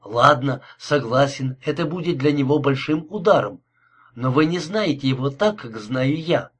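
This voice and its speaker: Man doing a desperate young man, urgent pleading, husky voice, audiobook. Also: mid-range voice, expressive, moderate pace, a bit bright.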